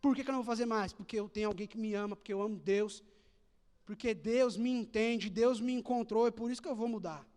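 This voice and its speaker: A young man gives a relaxed, slang-filled youth sermon, acting out playful dialogues with God. His voice sits very high for a man. Long reverb fills the church hall around him. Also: fast talker. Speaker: preacher.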